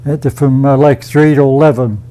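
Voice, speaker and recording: Man, 80s, mellow voice, matter-of-fact, documentary interview. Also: medium pitch, fairly even intonation, normal speed, low-quality recording. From southwestern Pennsylvania. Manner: plain, matter-of-fact recollection. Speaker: veteran interviewee.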